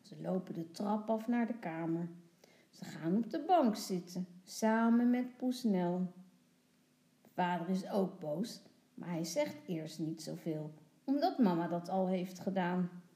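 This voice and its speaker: Slow, soft-spoken storybook reader, a woman. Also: lowish voice, expressive. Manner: soft, hushed at times. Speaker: teacher reading aloud. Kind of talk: children's storybook reading.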